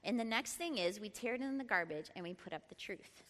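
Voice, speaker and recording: A middle-aged woman leading a church Bible study, lively and often laughing as she prompts the group. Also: mid-range voice, a little fast. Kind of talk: Bible teaching talk. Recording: long reverb in a large room.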